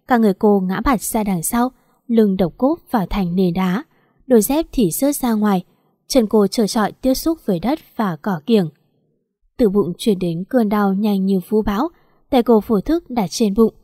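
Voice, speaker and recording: A woman reads a serialized story in a smooth, steady way. Her tone is mellow and warm, at a medium pitch. The recording is close and dry. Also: no echo. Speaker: narrator. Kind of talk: audiobook story reading.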